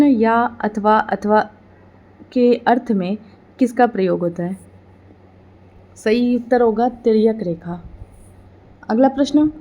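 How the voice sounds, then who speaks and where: Question, then answer: a woman with a medium-pitched voice works through an exam-preparation quiz in a steady, formulaic delivery.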